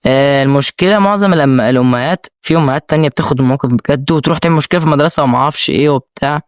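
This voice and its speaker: A man's voice: mid-range voice, very fast, smooth, no echo, studio quality. A young man with an Egyptian accent, telling an emotional personal story as a vlogger, rambling with many restarts. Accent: Egyptian Arabic.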